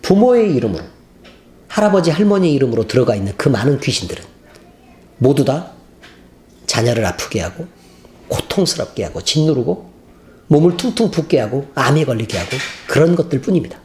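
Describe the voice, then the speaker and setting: Lively preaching man, echoey sanctuary. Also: medium pitch, a little fast, long pauses. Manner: animated storytelling, acting out scenes. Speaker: pastor. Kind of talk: sermon. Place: church sanctuary. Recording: roomy church hall, faint noise.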